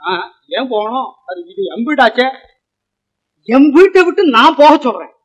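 An actor playing a stern older uncle who heads the household, grumbling with gruff interjections in 1950s film style. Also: male voice, very high voice, big pitch swings, moderate pace, full character voice.

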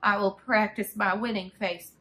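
A woman's voice: medium pitch, steady tone, moderate pace, sharp tone, close to an everyday voice. A woman voicing a sweet, rambling old lady in her late eighties, folksy and obtusely literal, in a prank call. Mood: sweet, excited. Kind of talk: prank phone call role-play. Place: small bedroom, indoors.

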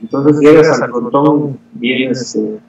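A man in his forties, guest in a casual interview, replying in a relaxed, agreeable way from his racket shop over a webcam. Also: mid-range voice, slow, reverberant, muffled recording. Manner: relaxed, short agreeable replies. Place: indoor shop with rackets on the wall. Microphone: webcam on a video call.

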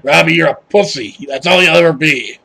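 A man voicing a crude, nagging, suspicious old grandmother in a gravelly, badgering comedy phone skit. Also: on the high side, brisk, pushed and bright, full character voice. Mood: irritated, crude. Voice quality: husky, gravelly. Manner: badgering, foul-mouthed, insistent questioning.

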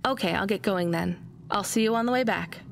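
A woman's voice: mid-range voice, brisk, gravelly, close to an everyday voice. An actress voicing an independent, skeptical young woman courier in a video game, plainspoken and understated. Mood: skeptical, matter-of-fact.

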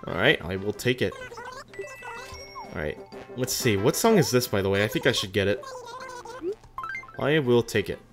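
Gaming host, casual commentary, animated, lively pitch movement, thinking aloud, background music. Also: moderate pace, long pauses. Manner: animated, musing aloud to self. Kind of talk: casual gameplay commentary, reading game dialogue aloud. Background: game music.

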